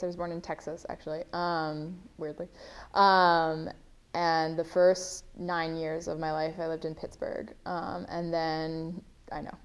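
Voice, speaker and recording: Low, gravelly-voiced young woman reflecting. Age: 20s. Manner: reflective, frequent ums. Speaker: college student interviewee. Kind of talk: documentary interview.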